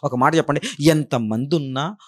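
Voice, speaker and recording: A man with a Telugu accent delivers a Christmas sermon. His voice sits a little high, climbing for emphatic questions and sinking low and quiet for tender moments. He speaks with lively, theatrical swings. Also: normal speed. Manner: dramatic, rhetorical questions, swings between loud and hushed. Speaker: preacher.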